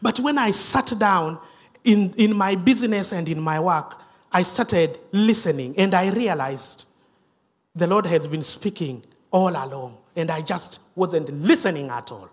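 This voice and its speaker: A man preaching a sermon in a church, dropping at times to a hushed whisper, with frequent restarts and repetition. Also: high voice, expressive, measured pace. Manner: dramatic drops to a hushed whisper; repeats himself, self-correcting restarts.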